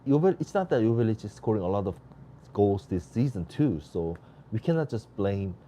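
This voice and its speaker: A man gives casual live commentary on a soccer match from a room at home. His voice is mellow and a little worn, and he yawns through long rambling asides. A quiet air-conditioner hum runs under everything he says. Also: lowish voice, moderate pace. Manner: chatty, rambling, bursts of excitement at chances. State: tired, yawning. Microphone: home mic without noise canceling.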